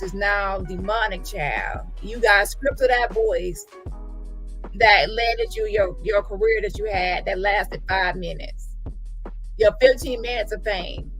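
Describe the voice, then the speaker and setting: A woman host offers casual reaction commentary, blunt and sassy, repeating phrases for emphasis. Her medium-pitched voice is a bit bright and she takes it slowly, with music playing behind her.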